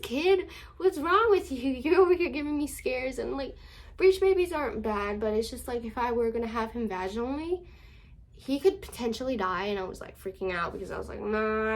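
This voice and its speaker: A woman's voice: mid-range voice, a little hiss or hum. A woman vlogger casually recounting a personal story to camera, chatty and full of fillers.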